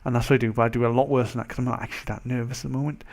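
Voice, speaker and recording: A young man with a mild Welsh accent chats casually to camera as a vlogger, rambling, animated and constantly interrupting himself. His mid-range voice comes out rapid-fire.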